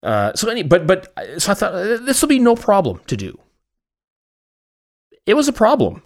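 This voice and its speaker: Speaking at a moderate pace with a high voice and huge swings in pitch, a Canadian-accented man hosts a podcast. His talk is loose and rambling, full of self-mocking jokes about personal matters.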